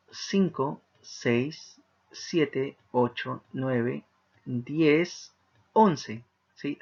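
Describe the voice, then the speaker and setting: A man gives a patient literature lesson with a gravelly, creaky edge to his mid-pitched voice. He counts syllables out slowly and keeps checking that his students follow. The audio is a little dull and lo-fi. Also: a bit bright. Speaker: teacher.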